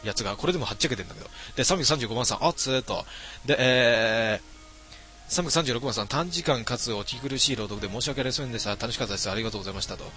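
A man's voice: mid-range voice, racing, bright, forceful tone, faint music behind. A middle-aged man streaming late at night, reading viewer comments aloud in a casual, mumbling way with many fillers.

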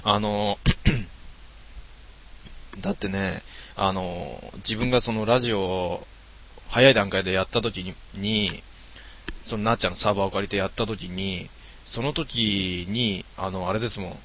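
Man, game streamer, casual rambling chat, lowish pitch, crisp bright tone. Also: unhurried. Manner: relaxed, rambling talk with many fillers. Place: his home.

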